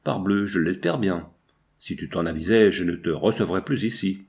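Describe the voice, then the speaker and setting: Stern working painter, read by a man, low-voiced, firm and scolding. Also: normal speed, vocal fry, a little mellow. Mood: impatient. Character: stern, busy male painter, gruff.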